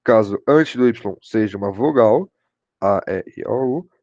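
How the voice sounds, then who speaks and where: A man's voice: lowish voice, animated, measured pace, dark tone, no room sound, dull audio. A man with a Brazilian Portuguese accent teaching an online English grammar class, often checking in with his students. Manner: repeats "show de bola" and "pessoal", checks in with students.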